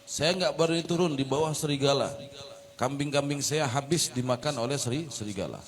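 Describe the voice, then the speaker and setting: A man's voice: mid-range voice, fairly quick, close to an everyday voice. A man doing a pleading shepherd boy. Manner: pleading shouts. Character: crying young shepherd boy calling for help. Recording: long reverb of a large hall.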